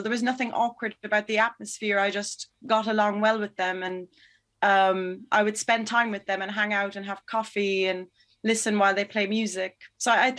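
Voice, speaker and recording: Being interviewed as a guest, this woman documentary director answers thoughtfully, pausing and restarting with some hesitation while she hunts for words. Her voice sits at ordinary pitch with a fairly bright tone.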